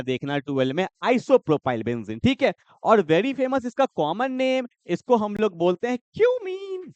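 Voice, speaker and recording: A man's voice: sits high, dry recording. A man teaching chemistry in an exam-prep lecture, keeps quizzing his students with repeated questions.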